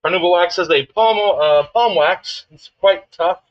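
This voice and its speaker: A man casually explaining his woodturning steps while he works, in a relaxed, halting way. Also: high voice, no room sound, lo-fi sound. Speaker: woodturner streaming a demonstration. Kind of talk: casual live-stream commentary.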